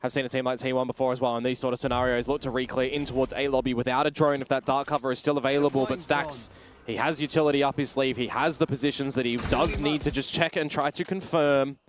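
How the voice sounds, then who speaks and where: A man's voice: mid-range voice, fairly even intonation, fast. Male esports caster over game noise. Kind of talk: live esports analysis and commentary. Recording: clear background game noise, clicks.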